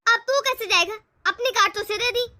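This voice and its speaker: Stubborn old mother-in-law, scolding, nagging, high bright voice, dry sound. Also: fairly quick, no echo, exaggerated voice.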